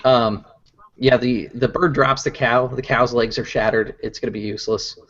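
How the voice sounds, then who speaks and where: A man narrating as game master of a tabletop game, pausing often with fillers. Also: mid-range voice, steady tone, a bit bright. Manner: hesitant, many fillers. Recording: dull lo-fi recording.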